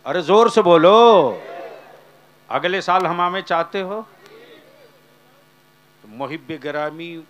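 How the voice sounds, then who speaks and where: Fiery preacher man, slow and bright. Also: mid-range voice, a little hiss or hum. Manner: fiery, swings from soft to shouting; talks directly to the audience, asking them to answer aloud. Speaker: Islamic preacher. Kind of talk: sermon to a crowd.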